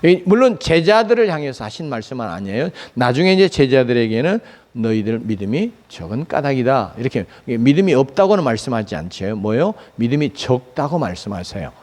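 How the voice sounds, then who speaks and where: Animated Korean man preaching a sermon. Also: medium pitch, a little fast, hardly any pauses. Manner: animated preaching with rhetorical questions and fillers. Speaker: pastor. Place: church sanctuary.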